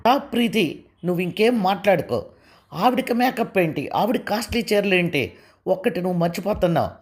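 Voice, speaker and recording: A woman's voice: fairly low pitch, lively intonation, moderate pace, darkish tone, lightly acted. A woman voicing a long-patient young husband who speaks firmly and insistently. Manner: firm and insistent.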